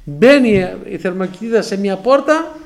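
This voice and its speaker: A man in his forties from Crete, preaching a sermon as he tells a personal testimony, acting out dialogue with lively exclamations. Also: sits high. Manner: animated storytelling with acted-out dialogue and exclamations.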